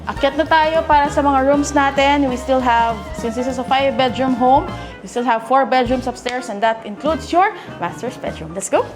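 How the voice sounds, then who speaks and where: A woman's voice: high-pitched, moderate pace, music in the background. A woman with a Filipino accent hosting a house tour, chatty and enthusiastic, exclaiming often as she walks through rooms. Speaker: property tour host.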